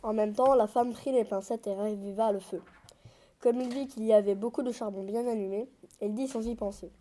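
A woman narrating a fairy tale aloud in a measured, expressive way. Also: mid-range voice. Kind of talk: storybook reading.

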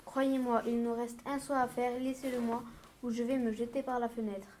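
A vain, eager peasant wife from a storybook, read aloud by a woman with a fairly high voice and a dramatic manner. Clear hiss and clicks run under the reading. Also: flat delivery, moderate pace, a little mellow, natural voice. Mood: distraught. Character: poor peasant wife, vain and quick-wishing. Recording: noisy home recording with clicks.

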